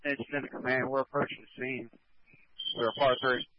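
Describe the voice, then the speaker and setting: A man's voice: medium pitch, level tone, fairly quick, no echo. A man on a fire crew, reporting tersely over a two-way radio. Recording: dull lo-fi radio channel.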